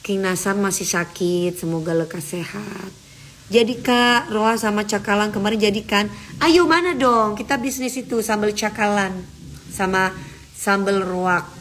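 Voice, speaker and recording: On an Instagram live, a woman talks casually but firmly and emphatically with her viewers, answering commenters directly. She has a medium-pitched, fairly bright voice with fairly even intonation and a measured pace, and a little hiss or hum is audible.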